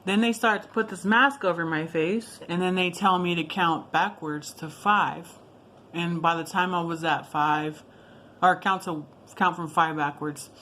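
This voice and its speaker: Lower-pitched woman telling a personal story. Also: fairly even intonation, measured pace, a bit bright, slight background noise. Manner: informal, rambling, with asides and self-corrections. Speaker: video blogger. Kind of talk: casual personal storytelling to viewers.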